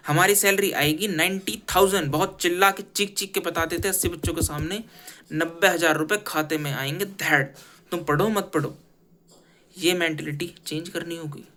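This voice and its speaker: A man's voice: a little high, a bit bright. A man from India giving an earnest, critical opinion piece in casual talk, restarting his phrases often. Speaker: commentator.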